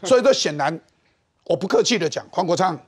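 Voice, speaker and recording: A middle-aged man with a Taiwanese Mandarin accent, hosting a political talk show with animated, mocking commentary. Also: high voice, fairly quick, slightly rough.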